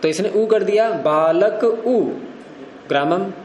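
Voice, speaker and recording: Male grammar teacher, fairly high voice, quizzing students, roomy echo. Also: slow, darkish tone, slight background noise. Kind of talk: classroom teaching.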